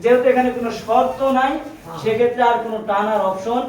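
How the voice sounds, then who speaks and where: A man's voice: extremely high pitch, fairly even intonation, fast. A man with a Bangladeshi Bengali accent teaching a Quran class, quizzing students and chanting letter sounds in a sing-song. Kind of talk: call-and-response classroom lesson. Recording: echoey room, far from mic, class audible.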